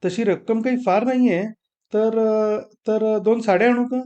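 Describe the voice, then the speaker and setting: A man voicing a fretful middle-aged wife who pleads and complains, quick to tears. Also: high voice, dark tone, dull audio, voice pushed up. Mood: wheedling. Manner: pleading, complaining, sing-song.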